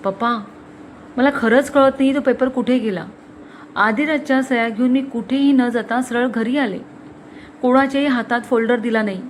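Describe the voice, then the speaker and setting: A woman's voice: lively intonation, moderate pace, pauses often, slight background noise, close to an everyday voice. A woman voicing a frightened young woman who pleads with her father through tears. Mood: pleading. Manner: pleading, high and tearful.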